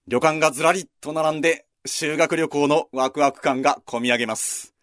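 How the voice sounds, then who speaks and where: A man's voice: fairly high pitch, a little fast, dry recording, studio quality. A man hosting a history program, narrating a walking route in a scripted but conversational way with casual asides. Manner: lively, conversational storytelling with asides.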